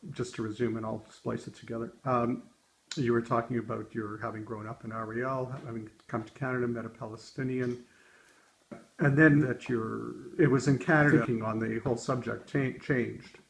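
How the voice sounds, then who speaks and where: Creaky-voiced male interviewer. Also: mid-range voice, fairly even intonation, normal speed, a little hiss or hum, low-quality recording. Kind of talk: informal, halting interview questioning.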